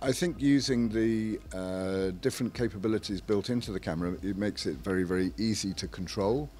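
Brief: deep-voiced male spokesman, measured and hesitant. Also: a little mellow, slight background noise. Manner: measured, frequent "uh" pauses between phrases. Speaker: camera maker's representative. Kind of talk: technical product interview.

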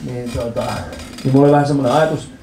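A man in his thirties doing a stand-up comedy set in a club, telling stories with animated acted-out voices and lots of swearing. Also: mid-range voice, slight background noise. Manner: animated storytelling, acts out quoted voices, swears freely. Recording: roomy club with audience laughter.

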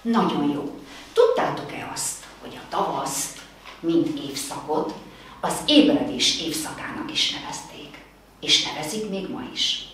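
A woman teaching first graders in a remote lesson, speaking slowly and encouragingly, praising the children often. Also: deep voice, lively intonation. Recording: very echoey room, voice far from the mic, faint noise.

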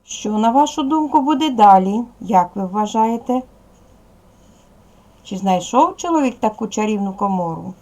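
Woman teacher talking to little kids in a video lesson, gravelly edge, patient and clear. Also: mid-range voice, animated, moderate pace, dark tone. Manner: patient, clear instructions to children. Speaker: primary school teacher. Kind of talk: recorded video lesson for children.

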